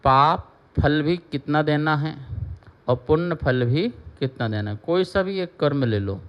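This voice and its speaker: A man, a Jain monk, teaches scripture in a slow, unhurried voice that sits a little high. He chants verses with deliberate care, then explains each term, repeating it and asking his listeners questions. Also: lo-fi sound.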